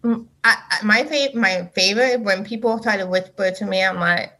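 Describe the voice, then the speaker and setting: A woman guest on a podcast talking casually, halting and restarting often with many fillers. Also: medium pitch, sharp tone. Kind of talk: casual chat.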